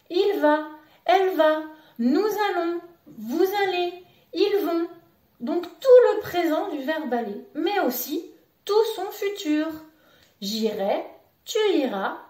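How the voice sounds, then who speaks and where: A woman's voice: high voice, a little mellow, far from the mic. Patient woman teaching beginners, repeats stuff, roomy echo, a bit off mic. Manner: slow, patient, repeats words for the learner. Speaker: Japanese language teacher. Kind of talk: beginner language lesson.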